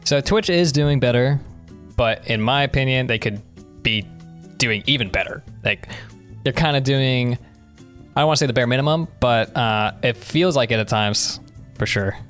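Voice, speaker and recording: A young man co-hosts a podcast, chatting casually and explaining his opinions in a conversational discussion. His mid-range voice is a bit bright, he keeps a moderate pace, and faint music plays behind him.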